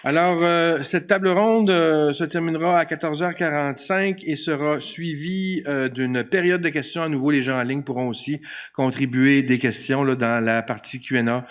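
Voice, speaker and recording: A man's voice: on the high side, fairly even intonation, moderate pace, some chatter behind. A man, hosting an event and reading panelist introductions with occasional fillers. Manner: reads bios steadily with fillers.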